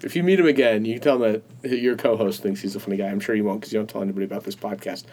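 A man's voice: lowish voice, steady tone, rapid-fire, darkish tone. A man co-hosts a casual podcast, telling stories in a loose, rambling way. He breaks into laughter often. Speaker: podcast co-host. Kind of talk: casual chat.

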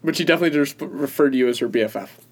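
A man with a medium-pitched, rapid-fire voice co-hosts a podcast, chatting casually. He rambles through stories and laughs often.

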